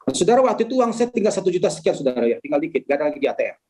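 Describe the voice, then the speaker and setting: A man's voice: fairly high pitch, very animated, rapid-fire, a little mellow. A male pastor preaching over a video call, telling a personal testimony and often turning to his listeners directly. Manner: preaching storyteller, often addresses listeners as brothers and sisters.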